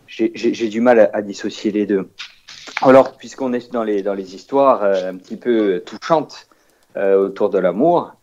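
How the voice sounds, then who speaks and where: Mellow, halting male philosophy teacher. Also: on the low side, dull audio. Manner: halting, reflective, many fillers. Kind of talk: radio talk show.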